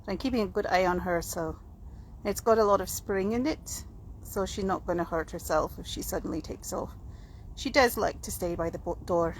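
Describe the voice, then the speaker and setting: Filmed on a handheld camera or phone, a woman who sounds Scottish chats in a meandering, self-mocking way as a home vlogger. She speaks at normal speed with a fairly low pitch, and the home video has poor audio and clear background noise.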